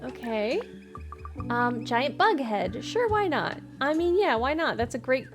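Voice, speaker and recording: A woman's voice: sits high, very animated, unhurried, music in the background. A woman streaming a game live, chatting in a giggly, apologetic way.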